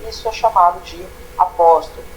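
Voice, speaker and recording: A Brazilian-accented male teacher talks through a grammar class in a patient, explanatory way. He keeps tagging his points with quick checks to his students. The room has a faint hiss behind him. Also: sits high, low-quality recording. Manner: explanatory, tags phrases with "né?" and "tá?". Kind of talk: online grammar lesson.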